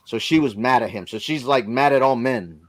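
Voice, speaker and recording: Everyday man of medium pitch, relaxed informal storyteller. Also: normal speed. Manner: lively storyteller who acts out others' lines; plain, informal grammar. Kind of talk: casual personal storytelling.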